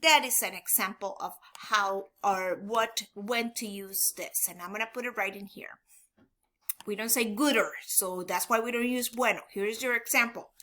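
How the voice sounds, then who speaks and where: A woman's voice: on the high side, bright, forceful tone. A woman teaching a recorded grammar lesson, speaking patiently, repeating examples and thinking aloud as she writes them out. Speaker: Spanish teacher.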